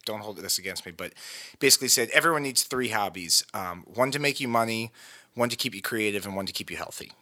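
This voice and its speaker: A man's voice: lowish voice, lively intonation, fast talker, sharp tone. A man in his thirties talking casually as a podcast guest, easygoing and self-deprecating. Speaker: podcast guest, musician and photographer. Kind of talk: casual interview chat. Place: living room.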